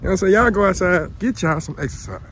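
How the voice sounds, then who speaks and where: A man's voice: high voice, lively intonation, quick pace, fairly bright tone, a little hiss or hum. A young man with a Texas accent, trading playful banter with a friend on a casual vlog. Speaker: vlogger's friend.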